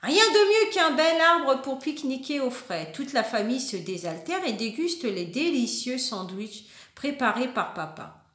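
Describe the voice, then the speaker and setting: A woman's voice: high voice, sing-song, unhurried, a bit bright, reverberant. A woman reading children's storybooks aloud with playful character voices, laughing now and then and chatting between lines.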